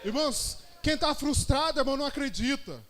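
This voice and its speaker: A man preaching with a Brazilian Portuguese accent, his voice pitched very high for a man. He tells his story like a testimony, then swells into shouted praise. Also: animated, brisk. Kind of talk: sermon.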